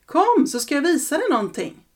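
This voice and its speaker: A woman voicing a see-through ghost boy who begs and coaxes another child to come and play. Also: big pitch swings. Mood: pleading. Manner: high, urgent and coaxing. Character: ghostly young boy, eager and pleading.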